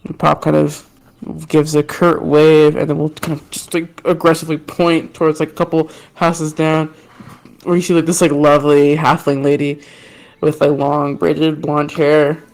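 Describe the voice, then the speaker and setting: A woman acting as game master, improvising narration in an informal, halting way with many uses of "like". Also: deep voice, level tone, darkish tone, poor audio.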